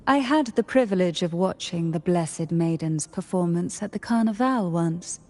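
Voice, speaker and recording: An actress voicing a composed, cool noblewoman in video game dialogue, measured and poised. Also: lowish voice, dark tone, natural voice.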